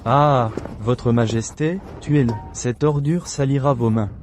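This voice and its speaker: A man's voice: medium pitch, measured pace, music in the background, natural voice. A man voicing a bold, cheeky young imperial cook in a dubbed drama, teasing and cocky. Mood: self-assured. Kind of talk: dramatized dubbing with inner monologue.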